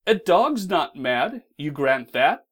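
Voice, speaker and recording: A woman voicing a grinning, sly male cat in a storybook reading, speaking slowly and loudly with a drawn-out, teasing delivery. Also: low voice, very animated, breathy edge, voice pushed down, exaggerated voice. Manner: slow, drawn-out and loud.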